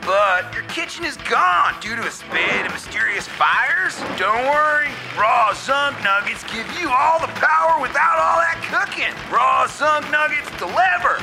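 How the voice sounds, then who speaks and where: A man's voice: lively intonation, measured pace, vocal fry, hardly any pauses, full character voice. A man playing an overblown commercial announcer in a spoof ad. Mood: hyped. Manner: shouty, overblown sales pitch. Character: hyped male commercial announcer. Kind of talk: spoof radio ad. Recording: music bed behind.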